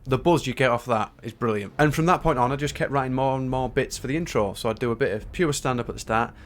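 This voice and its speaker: A man's voice: mid-range voice, fast. An English man narrating his own career story in a candid, colloquial, self-deprecating way. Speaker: stand-up comedian and former magician. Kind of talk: conversational video narration about own career. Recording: music playing behind the voice. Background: background music.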